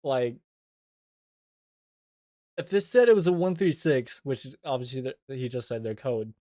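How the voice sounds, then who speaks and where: Man, streamer, casual reaction commentary, informal, filler-heavy, mid pitch, dry close recording. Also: expressive, moderate pace, mellow, no echo. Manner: informal, swearing, hedging with lots of "like".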